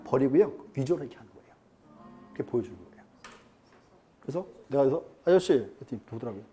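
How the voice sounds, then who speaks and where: A man's voice: medium pitch, expressive, racing, warm tone, soft background music. A male lecturer teaching a class in a chatty way, quizzing students and acting out quotes. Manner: chatty, asks the class questions and acts out quotes. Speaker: real estate law lecturer.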